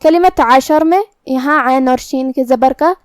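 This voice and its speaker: A woman's voice: high-pitched, clear, resonant tone, no echo, studio quality. A woman teaching Quran recitation rules step by step, explaining how each letter is pronounced in a methodical way. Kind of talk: tajweed lesson, explaining then reciting slowly.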